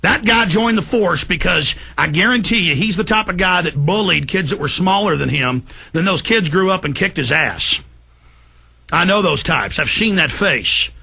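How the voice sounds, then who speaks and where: A man hosts a talk show with an escalating, vehement political rant. His voice is high for a man, very tense and gravelly, and prone to shouting. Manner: indignant, vehement, builds to yelling.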